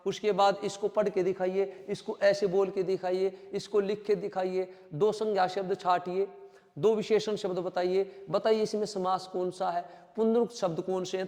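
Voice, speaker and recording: A man's voice: high voice, long reverb tail. A man teaching a coaching class lecture, explaining by restating terms and speaking directly to his students.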